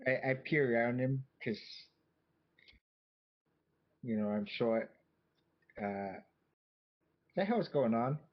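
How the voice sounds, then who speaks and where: A man's voice: mid-range voice, slow, pauses often. A man playing a tabletop game in character, grumbling and sarcastic. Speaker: player. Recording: dull lo-fi audio.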